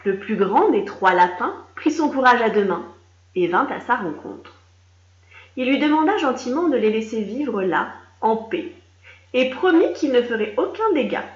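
A woman reading a children's story aloud, expressive and speaking directly to a young listener. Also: on the high side. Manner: slow, expressive, addressing a child. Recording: roomy, slightly dull recording.

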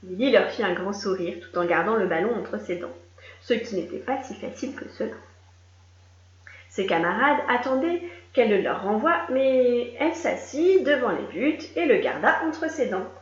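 A woman reading a children's story aloud in a lively, animated way, doing voices for the characters. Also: mid-range voice, moderate pace, few pauses. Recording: echoey room, dull lo-fi sound.

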